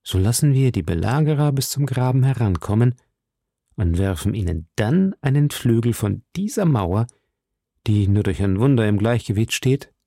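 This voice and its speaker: In an audiobook, a man voices a composed, dry-witted musketeer leader, speaking calmly and deliberately with an indifferent yet commanding air. His voice sits in the mid range, and the recording is dry.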